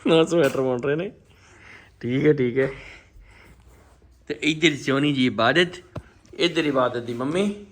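A man's voice: medium pitch, a little slow, pauses often. A man with an Indian Punjabi accent giving casual, teasing vlog commentary, with playful exclamations, as he hosts. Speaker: family vlogger filming and hosting.

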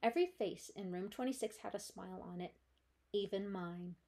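A woman librarian reads a children's chapter book aloud, telling the story gently and steadily. Her voice is medium-pitched and her pace normal.

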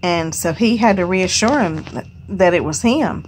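A woman hosting a home Bible study, reading scripture aloud and musing on it in a folksy, unhurried way. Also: on the low side, a little hiss or hum. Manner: folksy, unhurried, reads scripture aloud then muses on it with "you know". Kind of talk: casual Bible reading and reflection.

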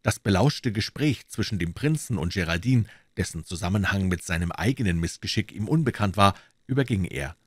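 A man reading a classic story aloud in a measured, low-register narration. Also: lively intonation, breathy edge, dry recording. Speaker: audiobook reader. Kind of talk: audiobook narration.

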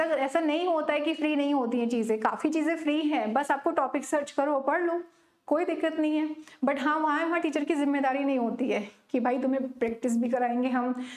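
High-voiced Indian woman teaching a live class. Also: reverberant. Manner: chatty, scolding, reads questions out slowly. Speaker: online English literature teacher. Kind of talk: live exam-prep class, mixing Hindi and English.

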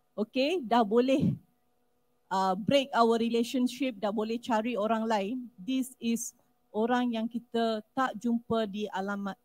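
Animated Malaysian woman giving a talk. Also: fairly high pitch, dry recording, rough recording. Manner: animated, code-switching, acts out scammer voices. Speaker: anti-scam talk speaker. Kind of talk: public talk mixing Malay and English. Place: event hall.

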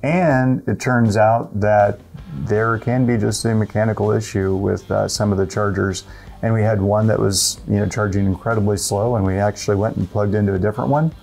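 A man's voice: lowish voice, flat delivery, normal speed, vocal fry, a little mellow, soft background music. A middle-aged man in a studio chatting in an easygoing, self-deprecating way. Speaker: co-host. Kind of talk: casual studio conversation. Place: indoor studio with a car.

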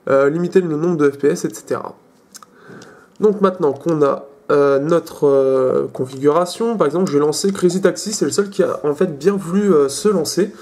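A young man with a fairly high voice hosts a casual tech demo in French. He hesitates often, filling gaps with short pauses and restarting his sentences as he clicks through menus. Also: darkish tone. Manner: hesitant, many fillers and restarts. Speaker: tech video host.

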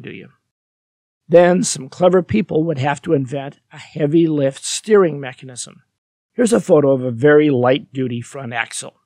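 A man narrating a scripted history lesson, steady and explanatory, with lighthearted dry asides to the viewer. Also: fairly high pitch, no room sound.

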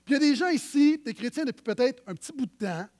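A man with a Quebec French accent preaching a sermon as pastor, conversational and animated, swinging between loud emphasis and hushed asides. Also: very high-pitched, fast talker.

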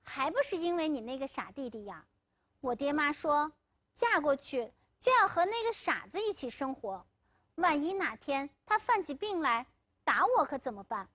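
A woman's voice: high-pitched, very animated, moderate pace, a bit bright. A woman lecturer voicing a worried but firm young village woman, the girlfriend in a told story. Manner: anxious, then firmly refusing.

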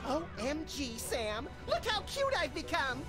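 An actor voicing a small, hyperactive, sarcastic rabbit sidekick, gleefully aggressive, in a cartoon game. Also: male voice, very high voice, wildly swooping pitch, unhurried, over music, heavily acted. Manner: manic, sarcastic.

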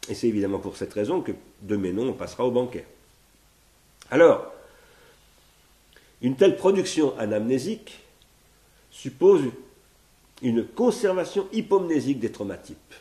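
A man in his sixties from France, with a warm, mid-range, sing-song voice, speaks at normal speed but pauses often as he works through ideas in a home philosophy seminar. Partly reading from notes, he restarts and repeats words frequently. The indoor living room sounds echoey, recorded by a fixed camera at medium distance.

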